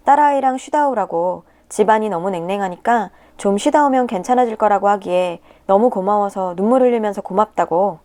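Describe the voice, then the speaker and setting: A woman reading a personal story aloud in the first person, with emotive, tearful delivery and pitch swings. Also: dark tone. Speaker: narrator of a viewer's submitted story. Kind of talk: scripted first-person narration.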